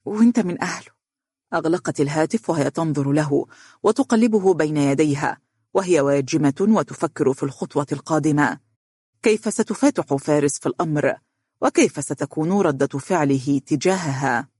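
An audiobook narrator reading a novel aloud in a steady, even way. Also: mid-range voice, brisk, husky, no room sound, studio quality.

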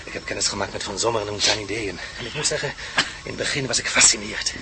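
Playing an earnest, courteous Prussian nobleman with a German accent in a Dutch radio drama, a man talks fast in a lower register, lightly acted. The character, who defected from a villain's side, is explaining something over heavy background noise.

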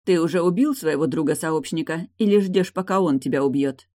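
A woman's voice: low voice, a little fast, mellow. A woman voicing a bold, mocking captive woman who taunts her captor in an audiobook. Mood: taunting. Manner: taunting, sneering.

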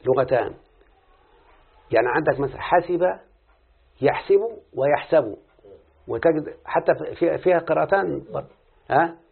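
A man with an Egyptian accent teaches Arabic morphology, quizzing his student and repeating the answers back to him in a classroom lesson. His voice is fairly high, creaky and husky, at normal speed with frequent pauses. The audio is lo-fi and phone-like.

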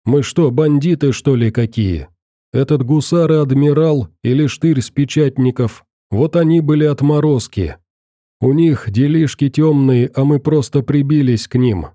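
A man voicing a gruff bandit who grumbles fatalistically, in an audiobook. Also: medium pitch, normal speed, warm tone, no room sound, clean studio sound, natural voice. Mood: gloomy.

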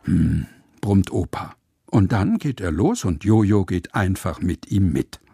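A man reading a children's story aloud in an expressive, playful way. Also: low voice, unhurried, husky, no room sound, clean studio sound. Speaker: narrator.

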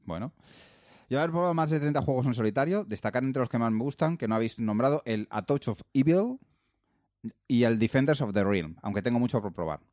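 Male podcast co-host, medium pitch, reads comments casually, close dry recording. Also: expressive, brisk, darkish tone, dry recording. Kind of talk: reading listener comments aloud with casual asides.

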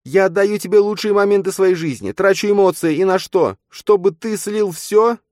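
A man's voice: high voice, normal speed, no echo, clean studio sound, voice pushed up, close to an everyday voice. A man voicing a furious, scornful young woman who scolds her fiancé, in an audiobook. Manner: shouting, contemptuous, scolding. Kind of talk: audiobook character voice.

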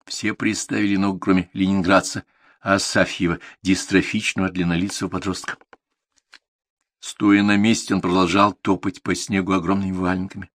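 Low-pitched guy reading a story, calm and even, super dry studio sound. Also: moderate pace, dry recording. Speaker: audiobook narrator. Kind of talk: scripted literary narration.

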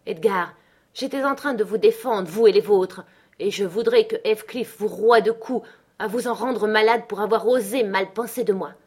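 A woman voicing a proud, quick-tempered young woman in an audiobook, scornful and dramatic. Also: medium pitch, darkish tone, husky, close to an everyday voice. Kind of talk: audiobook character reading.

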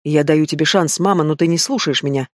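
A man's voice: a little high, a little fast, no echo, studio quality, close to an everyday voice. A man reading the part of a stern, commanding young werewolf pack alpha in an audiobook. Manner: commanding, clipped.

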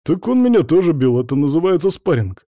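A man's voice: on the high side, big pitch swings, a little fast, warm tone, no room sound, studio quality, pitched above the performer's own voice. A man reading an audiobook, voicing an older man who is a playful, tough grandfather given to bantering.

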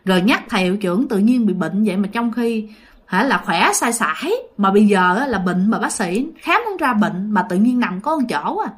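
This is a chatty ghost story told by a woman whose medium-pitched voice is animated and a touch rough. She speaks at a normal speed and addresses her audience directly, keeping the narration casual.

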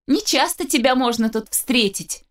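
A woman's voice: moderate pace, lightly acted. A woman voicing a smug, whiny young man in an audiobook, speaking in a sugary, sneering way. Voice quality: shrill, nasal whine. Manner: sugary, sneering, then wheedling. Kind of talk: audiobook narration.

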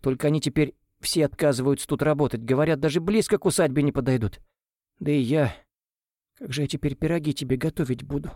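A male audiobook reader voicing a doting elderly nanny who cries out in a high, pleading voice. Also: fast talker, darkish tone, no room sound, clean studio sound, natural voice. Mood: tearful. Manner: cries out, then sobs and frets.

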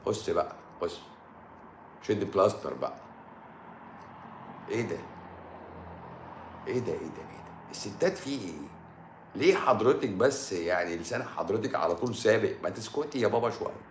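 A man's voice: on the low side, expressive, fairly quick, pauses often, noisy background. A man with an Egyptian accent, a doctor hosting a live stream, lecturing viewers in a stern, sarcastic way. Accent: Egyptian Arabic. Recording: echoey room.

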